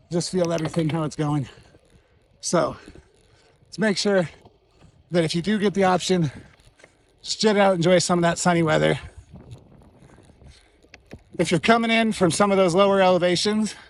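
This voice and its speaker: A man out of breath, recording a casual vlog outdoors on a mountain trail while he rides, with a camera mounted on his bike, and he talks in short bursts between pedal strokes. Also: sits high. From Colorado. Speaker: real estate agent vlogger.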